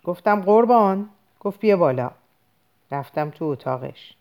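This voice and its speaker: A woman's voice: on the low side, animated, a little mellow. A woman voicing a blunt, conspiratorial middle-aged police officer in an audiobook reading. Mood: confiding. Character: older male police officer, blunt friend.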